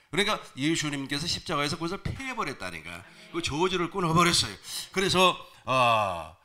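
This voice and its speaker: A male pastor preaching a sermon to his congregation, animated, asking them questions. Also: mid-range voice. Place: church sanctuary.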